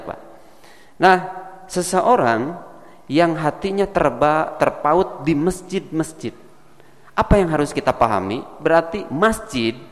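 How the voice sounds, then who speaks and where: A man's voice: fairly high pitch, long reverb tail. A man with a Sundanese accent preaching a mosque lecture, teaching in a chatty, explanatory way and addressing the congregation directly. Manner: didactic, chatty, addresses the congregation as Pak and Bu, demonstrates pronunciation.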